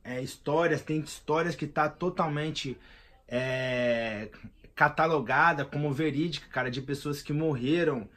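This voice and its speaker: A man's voice: on the high side, unhurried, fairly bright tone. A man in his thirties with a Brazilian Portuguese accent, vlogging in a slangy, emphatic, rambling monologue. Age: 30s. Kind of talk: casual monologue.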